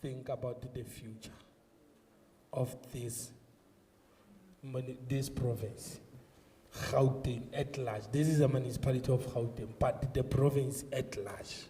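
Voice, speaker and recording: Man giving a calm supportive rally speech, far from the mic, big hall echo. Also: medium pitch, unhurried, slight background noise. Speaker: supporting speaker. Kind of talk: rally address. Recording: distant mic, long hall reverb.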